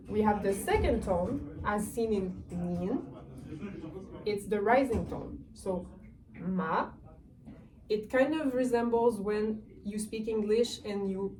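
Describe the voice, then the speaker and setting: A woman's voice: medium pitch, dark tone, far from the mic, low-quality recording. A woman teaching a beginner language lesson, explaining patiently step by step and modeling each sound.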